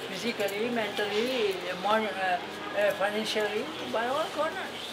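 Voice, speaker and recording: A man's voice: high-pitched, normal speed, very noisy. A man answering interview questions tersely and emphatically, in non-native phrasing.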